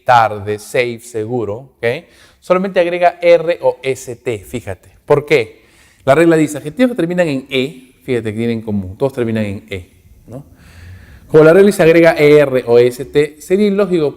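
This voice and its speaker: A man's voice: medium pitch, a little mellow. A man teaching English grammar in a recorded lesson, explaining in Spanish and giving English example words with their translations, checking in with "ok?" after almost every point. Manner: rhythmic, repeats each word with its translation. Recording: long reverb, roomy.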